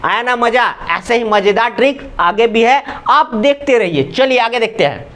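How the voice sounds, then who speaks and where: A man's voice: very high voice, lively intonation, moderate pace, bright, forceful tone. A man leads an exam-prep lesson. He repeats each point again and again and keeps checking with rhetorical questions whether it has stuck. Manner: repetitive, drilling with rhetorical questions. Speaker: teacher.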